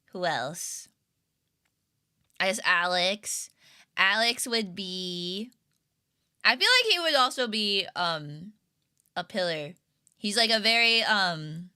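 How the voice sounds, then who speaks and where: Bright, giggly young woman streamer. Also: on the low side, clear, resonant tone. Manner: rambling and giggly, with lots of fillers. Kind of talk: casual livestream chat with viewers.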